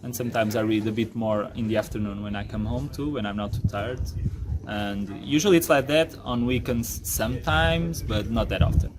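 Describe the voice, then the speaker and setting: A man's voice: medium pitch, quick pace, crowd noise. A young man from Portugal answering interview questions thoughtfully, with some hesitation. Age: young adult. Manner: thoughtful, hesitant, light laughs.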